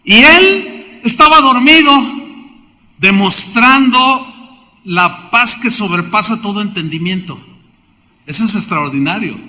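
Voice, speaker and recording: A man preaching a sermon as pastor, animated and putting rhetorical questions to the congregation. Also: high voice, a little slow, pauses often, long reverb tail.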